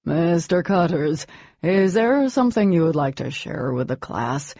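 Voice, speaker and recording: A woman voicing a tired, bored male high school teacher speaking in a weary, flat way. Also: very slow, gravelly, husky, no echo, muffled recording, heavily acted.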